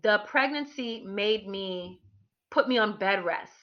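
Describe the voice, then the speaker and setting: A woman's voice: medium pitch, takes it slowly. Candid woman telling a personal story. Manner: candid, animated, frequent restarts and fillers. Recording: dull lo-fi recording.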